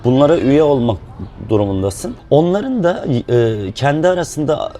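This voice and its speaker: A man speaking in a relaxed, explanatory way, with fillers, as a musician guest in a casual chat. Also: mid-range voice, normal speed.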